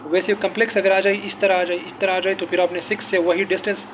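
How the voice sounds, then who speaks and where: A man teaching as an exam-prep tutor, going quickly through test answers with repeated explanations and fillers. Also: high voice, flat delivery, a bit bright, slight background noise. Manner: rapid, repetitive explaining with fillers.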